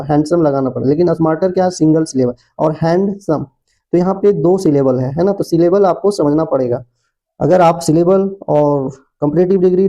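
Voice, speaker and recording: A man walks students through grammar rules, reading each example sentence out slowly and checking in with tag questions. His voice sits a little high yet sounds very dark and mellow. The recording is dull and lo-fi. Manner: explanatory, addresses viewers as children, frequent tag questions; reads English examples slowly. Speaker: English grammar teacher. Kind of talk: exam-prep grammar lesson. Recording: muffled lo-fi recording.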